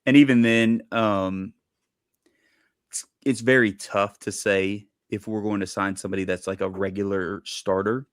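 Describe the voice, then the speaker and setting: A man's voice: fairly low pitch, fairly even intonation, a little slow, no echo, studio quality. A man co-hosting a sports podcast, chatting casually and rambling with lots of fillers. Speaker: podcast co-host. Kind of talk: casual chat.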